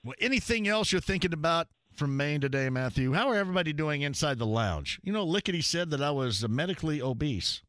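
A man's voice: a little high, lively intonation, quick pace, few pauses, fairly bright tone, dry recording, studio quality. A man hosting a call-in sports radio show, chatting and joking with callers and laughing often.

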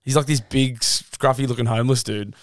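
Fast-talking, sweary Australian man bantering. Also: mid-range voice, fairly even intonation, no echo, clean studio sound. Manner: blokey slang, sweary, joking exaggeration. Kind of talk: casual comic banter.

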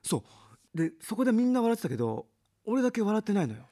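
Lively fast-talking young Japanese man. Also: sits high, background noise. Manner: animated storytelling, acts out quotes, laughs often. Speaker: podcast co-host. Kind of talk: casual comedy chat.

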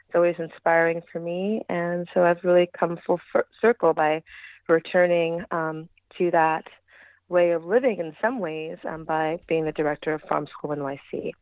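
A woman with a New York City accent speaks in a lowish voice over a thin, phone-like line. She drops her T's and word endings as she chats casually in an interview. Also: fairly even intonation, normal speed, dry recording. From New York City, Lower East Side of Manhattan. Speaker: podcast guest, farm school director.

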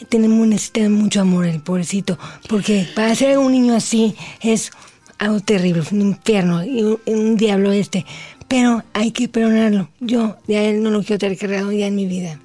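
A Mexican woman in her forties, an interview guest telling her own story in slow, deliberate speech with an unusual articulation. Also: medium pitch, mellow. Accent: Mexican Spanish. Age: 40s.

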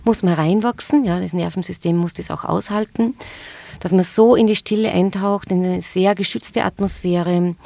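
A yoga and meditation teacher with an Austrian accent, answering interview questions calmly and thoughtfully, pausing often with hesitations. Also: female voice, lowish voice, vocal fry, no echo. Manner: calm, thoughtful, with frequent hesitations. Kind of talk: podcast interview.

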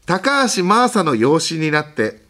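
High, lively man joking on radio. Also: unhurried. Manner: playful, laughs often, reads listener mail. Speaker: comedy radio co-host. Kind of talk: casual comedy banter. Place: radio studio.

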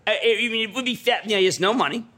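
A middle-aged man telling stories as an interview guest, excitable and emphatic, repeating phrases for effect. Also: high voice, racing. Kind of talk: animated storytelling in conversation.

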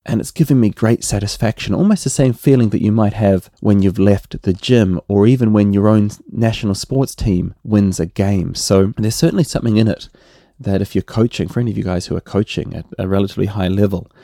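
A middle-aged man with a New Zealand accent, hosting a relaxed solo podcast and often tagging his points with "right?". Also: on the low side, fairly quick, vocal fry, dry recording, clean studio sound. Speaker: podcast host.

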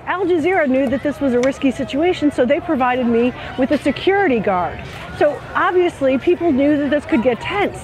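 A woman's voice: sits high, expressive, a little fast. A woman news correspondent recalling events in an emphatic way. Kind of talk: interview recollection.

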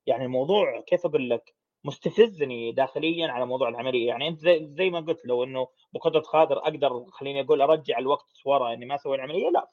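A man, a podcast guest speaking frankly in a casual conversation, in long runs with restarts. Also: medium pitch. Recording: dull lo-fi audio.

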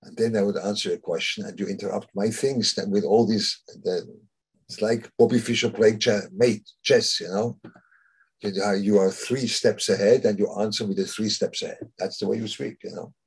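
Husky low-voiced man giving Torah talk. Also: steady tone. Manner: halting, searches for words, many restarts.

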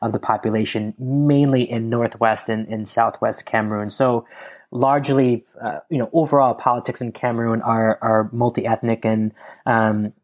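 A man's voice: medium pitch, steady tone, normal speed. A man from Connecticut, a guest on an interview show, talking earnestly and analytically in long explanations about politics. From Connecticut, USA. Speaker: guest, Africa democracy advocate. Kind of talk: interview conversation.

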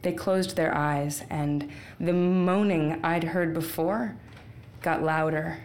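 Slow, low-voiced woman telling a story. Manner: wry, unhurried, deadpan asides. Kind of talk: live storytelling performance.

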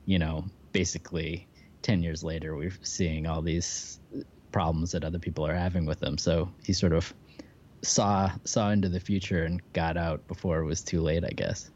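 A man's voice: low voice, steady tone, normal speed, darkish tone, dull audio. A man co-hosting a podcast, speaking in casual talk or reading promotional copy. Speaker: podcast co-host. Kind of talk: casual sports talk and scripted podcast ad reads.

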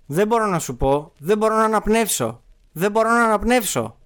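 Frightened young child, pleading, man reading the lines, raised pitch, louder. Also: animated, clean tone. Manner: pleading, read out from a transcript.

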